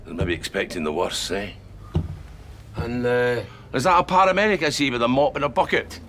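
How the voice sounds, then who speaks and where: An actor with a Scottish accent playing a prisoner who holds a hostage, sing-song and mocking, swinging from jovial to threatening. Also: male voice, mid-range voice, moderate pace, fairly bright tone, a little hiss or hum, natural voice. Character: charming, menacing male prisoner holding a hostage. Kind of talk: television sitcom acting.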